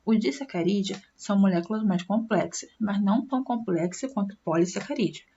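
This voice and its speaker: A woman's voice: mid-range voice, a little fast, warm tone, muffled recording, slight background noise. A woman with a Brazilian Portuguese accent, a science teacher giving a recorded online class and explaining step by step with frequent tag questions.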